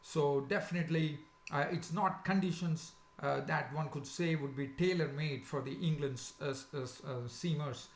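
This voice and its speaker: High-pitched man with a sore, swollen throat. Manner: halting, hesitant delivery. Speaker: cricket preview host. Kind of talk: casual unscripted sports preview commentary. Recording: echoey, roomy sound.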